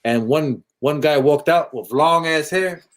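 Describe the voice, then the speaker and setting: A man's voice: fairly high pitch, unhurried. A man from Samoa hosting a casual chat, telling rowdy stories loosely with swearing and laughter and reading out comments. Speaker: podcast host reading live-stream comments.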